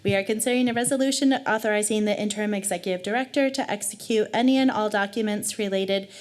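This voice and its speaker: Woman, meeting chair, formal procedural delivery, mid-range pitch. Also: fast talker. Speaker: commission chair.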